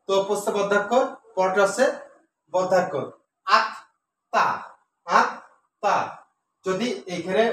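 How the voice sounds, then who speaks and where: A man teaches a class, repeating each word slowly and filling pauses with soft hesitations. His voice sits high and carries some distance from the mic. The room is echoey, with a faint hiss underneath. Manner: explains step by step, repeats words slowly with many "uh" fillers. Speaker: Bengali teacher. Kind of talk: classroom lesson on pronunciation.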